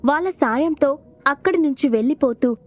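A woman's voice: high-pitched, normal speed. Woman narrating an audio story. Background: soft background music.

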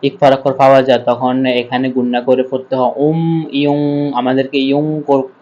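A man teaching a recitation lesson, spelling out letters one by one and then chanting the verses slowly. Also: mid-range voice, flat delivery, a little mellow, muffled recording. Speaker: Quran reading teacher.

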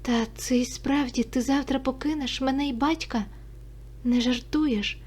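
A woman's voice: fairly even intonation, unhurried, darkish tone, breathy edge. A woman voicing a young village girl, anxious and impulsive, pleading and questioning in a raised voice. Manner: high, pleading, breathless questions.

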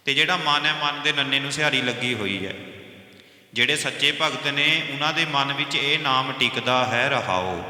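A man's voice: mid-range voice, pushed and bright. Punjabi man chanting and explaining scripture. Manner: chants verses slowly, then explains pronunciation. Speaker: Sikh scripture teacher. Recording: echoey hall with long reverb.

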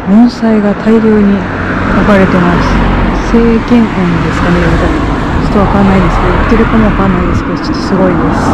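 A young woman talking to herself as she walks city streets, filming a walking vlog with many fillers, dropping to a hush around passers-by. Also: mid-range voice, lo-fi sound. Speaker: walking vlogger. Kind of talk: solo walking commentary. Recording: street noise behind.

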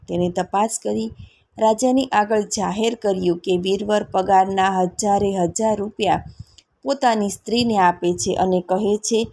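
A woman narrating a folk tale in a steady, measured storybook reading. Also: medium pitch.

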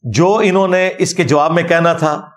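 A man's voice: a little high, moderate pace. A middle-aged man giving an argumentative religious lecture, rebutting critics point by point with emphasis.

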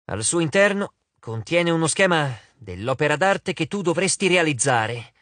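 Guy reading a smart persuasive teen girl in a storybook, slightly high, dry sound. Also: big pitch swings, moderate pace, fairly bright tone, no room sound. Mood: coaxing. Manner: coaxing, persuasive. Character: clever, determined teenage girl.

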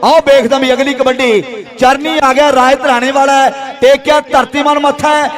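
A man's voice: very high voice, little pitch movement, normal speed. A man with a Punjabi accent giving frantic rural kabaddi commentary, chanting and repeating rhymed couplets. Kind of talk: frantic rural sports commentary with rhyming verse. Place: outdoor village kabaddi tournament over a crowd. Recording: loud crowd, outdoor sports ground.

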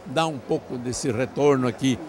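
A man's voice: medium pitch, moderate pace, a little mellow. A man, speaking as an event organizer in a handheld-mic interview, effusive and grateful, talking in long flowing runs. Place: large covered event hall, crowded charity dinner. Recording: noisy event hall.

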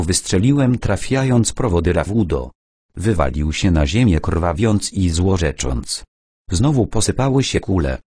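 A man narrating a first-person adventure audiobook in a measured, steady way. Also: deep voice, breathy edge, no echo, clean studio sound.

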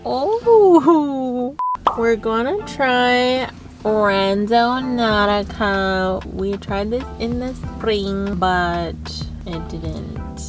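A woman's voice: a little high, very slow. A young woman chatting casually on a vlog from a car, laughing often, with music behind her. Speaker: vlog co-host. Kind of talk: casual chat.

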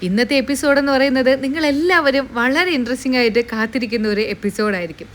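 A woman's voice: high voice, quick pace. Woman host recapping a serial episode. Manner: lively storytelling, quoting the characters' lines.

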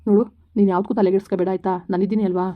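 A woman plays a young husband who coaxes and reassures his wife. The talk is very fast and level, with little rise and fall. The recording sounds slightly dull. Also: medium pitch, level tone, natural voice. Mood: reassuring. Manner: reassuring, coaxing.

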